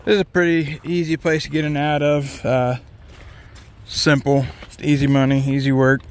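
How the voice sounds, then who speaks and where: A man's voice: on the high side, level tone, normal speed. A man in his thirties, a truck driver, chatting casually and rambling in an easygoing, plain-spoken way as he vlogs from a truck yard and his cab. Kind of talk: casual vlog chat. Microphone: phone held at arm's length outdoors, headset mic in the cab.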